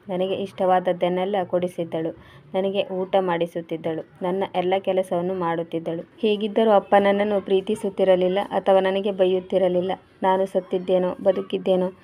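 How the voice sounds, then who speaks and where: A woman's voice: lowish voice, little pitch movement, brisk, warm tone, a little hiss or hum, lightly acted. A woman voicing a grieving transgender woman, Bhavani, who recounts her past in a plaintive, pleading tone. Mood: sorrowful.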